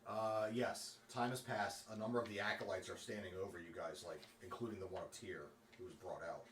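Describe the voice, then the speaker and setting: A man's voice: fairly low pitch, fairly even intonation, fairly quick, far from the mic, a loud crowd. A man narrating a tabletop game as dungeon master in a loose, filler-heavy way, recorded off-mic in a roomy space with faint ambience. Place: room at a streamed game table.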